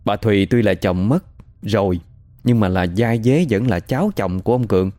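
A man's voice: fairly low pitch, moderate pace, mellow, no room sound, soft background music. A man telling a story in a chatty, matter-of-fact way. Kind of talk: casual spoken storytelling.

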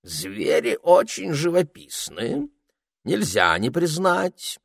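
A man's voice: medium pitch, very animated, a little slow, pushed and bright, no echo, clean studio sound, pitched above the performer's own voice, heavily acted. A man voicing a bossy, fussy talking male parrot in an audiobook, with theatrical, indignant outbursts. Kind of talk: audiobook character voice.

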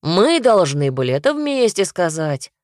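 A woman reads a scolding dragon head from a fairy tale. It grumbles and reproaches in a low, dry voice, always finding fault. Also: sing-song, a little slow, husky, dry recording, heavily acted.

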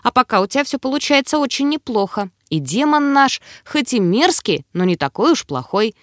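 A woman's voice: on the high side, very animated, normal speed, no echo, clean studio sound, voice pushed up. A woman voicing a small, sly male demonic keeper who teases and gloats in a lecherous, wheedling way for an audiobook. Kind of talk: audiobook character voice.

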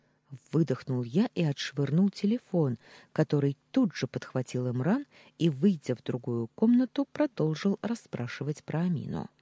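A man reading a first-person audiobook narration in a steady, measured way on a close mic. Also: on the high side, slightly rough, no echo. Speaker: audiobook reader.

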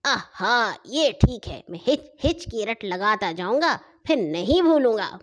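A woman's voice: fairly high pitch, big pitch swings, a bit bright. A woman voicing a forgetful, simple-minded young male servant who earnestly chants the same words over and over. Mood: musing.

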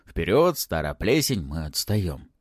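A man voicing a small, cowardly, foul-mouthed male dragon pet with shrill, cheeky yelling in an audiobook. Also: big pitch swings, unhurried, breathy edge, no room sound, studio quality, exaggerated voice. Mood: gleeful yelling.

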